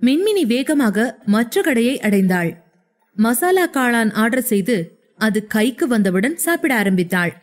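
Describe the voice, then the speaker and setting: A woman narrating a scripted audio story in a steady, even reading voice. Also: a little high, a little slow.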